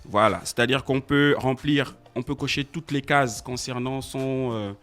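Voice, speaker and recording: A man representing an education agency, calmly explaining procedures in a radio interview with frequent hesitations. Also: medium pitch. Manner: measured, explanatory, hesitant fillers. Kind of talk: informative interview answers. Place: radio studio.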